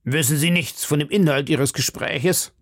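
A man reading aloud and voicing a stern, shrewd older captain of musketeers in a measured, lecturing manner. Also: fairly high pitch, no echo, studio quality, pitched above the performer's own voice, lightly acted. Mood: probing. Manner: measured, lecturing, drops to murmurs. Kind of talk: audiobook reading.

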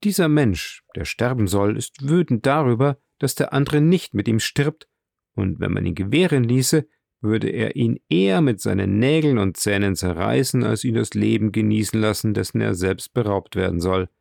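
A cold, composed count, voiced by a male narrator, speaking low and unhurried. His tone stays detached, with a gravelly rasp at the ends of phrases. The sound is dry and close. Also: lively intonation, darkish tone, no room sound. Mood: cold, knowing. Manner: cool and detached.

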